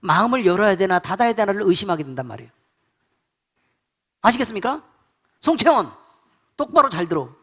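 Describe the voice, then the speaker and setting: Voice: medium pitch, sing-song, brisk, pauses often, a bit bright, husky. A pastor preaching a sermon in blunt, colloquial speech, repeatedly quizzing the congregation with call-and-response questions.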